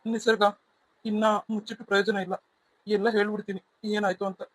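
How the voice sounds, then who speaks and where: A man voicing a gentle, loving young husband in a cartoon serial, soft and soothing. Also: high-pitched, level tone, a little fast, no echo. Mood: tender. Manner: tender, soothing.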